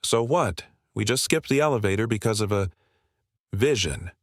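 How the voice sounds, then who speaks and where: A man's voice: fairly low pitch, expressive, moderate pace, dry recording, studio quality. A man voicing a sarcastic young woman who doubts her friend's warning. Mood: skeptical. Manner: sarcastic, dismissive.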